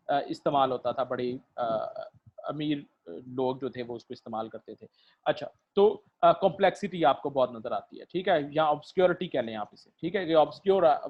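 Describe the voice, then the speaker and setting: Man lecturing, checking in constantly. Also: mid-range voice. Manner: keeps checking "theek hai?" and fills pauses with "uh", mixing in English terms. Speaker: literature lecturer. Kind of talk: recorded lecture. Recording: dull lo-fi recording.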